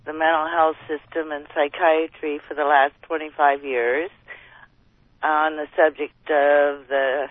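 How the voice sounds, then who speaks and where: A woman calling in to a radio show over the phone, talking in a plain, unhurried way as an advocate. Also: sits low, no echo. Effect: phone line. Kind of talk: casual call-in chat. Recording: tinny phone line, dry.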